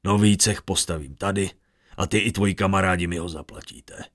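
A man's voice: low voice, fairly even intonation, a bit bright, dry recording, studio quality. A man voicing a huge, blunt, menacing male warrior.

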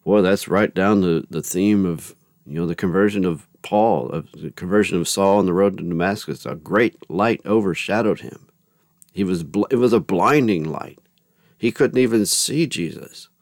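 A man's voice: deep voice, moderate pace, a little mellow, no room sound, studio quality. A man hosting a faith podcast, reading scripture and chatting in a rambling, folksy way with many restarts. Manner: rambling, self-correcting, folksy. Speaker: podcast host. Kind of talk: casual commentary with scripture reading.

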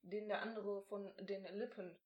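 A woman's voice: medium pitch, fairly even intonation, measured pace, muffled recording. A young woman co-hosting a casual chat, playful and giggly, dropping to whispers and using slang. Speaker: podcast co-host.

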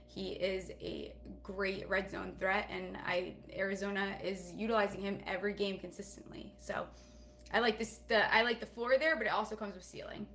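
A woman's voice: mid-range voice, gravelly, fairly bright tone, a little hiss or hum. Blunt, playful woman co-host. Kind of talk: casual fantasy football chat.

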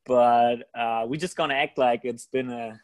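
A tired man hosting a casual podcast, laid-back and quick to swear and laugh. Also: medium pitch, fairly even intonation. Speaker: podcast host.

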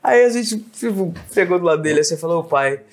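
A woman's voice: lowish voice, fast. A middle-aged woman with a Brazilian accent, a singer telling stories in a casual podcast chat, acting out the voices of the people she quotes and often tagging her lines with "né" and "assim". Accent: Brazilian Portuguese. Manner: animated, acts out quoted dialogue, frequent "né" and "assim". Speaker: guest singer.

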